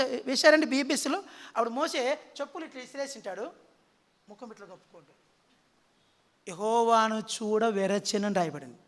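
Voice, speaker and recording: A man's voice: very high-pitched, a bit bright, in a large hall. A man preaching a sermon, quizzing his listeners with repeated questions.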